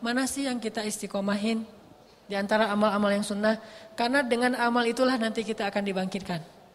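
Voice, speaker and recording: A man's voice: high-pitched, steady tone, fast talker. A male preacher with a lilt giving a casual evening sermon, playful and acting out little dialogues. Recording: long hall reverb.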